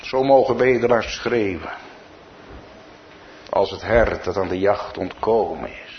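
A male pastor with a Dutch accent delivers a sermon at a deliberate, unhurried pace, his slightly raised voice swelling to emphatic peaks. The recording is muffled and lo-fi, with faint background noise. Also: fairly low pitch. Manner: preaching with rising, emphatic peaks.

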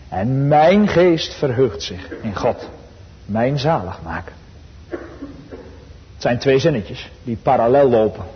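A man preaching a sermon to his congregation, earnest and emphatic, slowing for quotations and rising in fervor. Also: medium pitch. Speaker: pastor. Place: church. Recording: dull sound with long church reverb.

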